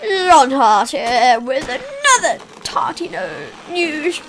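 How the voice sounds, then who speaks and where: A woman's voice: sits high, big pitch swings, slow pace, a bit bright, a little hiss or hum, pitched above the performer's own voice, exaggerated voice. A woman putting on a fake English accent to play an overexcited male news presenter. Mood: gushing. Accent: put-on English. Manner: gushing, over-the-top newsreader delivery.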